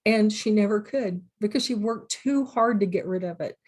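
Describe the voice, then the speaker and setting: A woman's voice: mid-range voice, normal speed, a little mellow. A middle-aged woman, a college instructor, giving a recorded lecture in a plain, practical way, with examples from her own classroom.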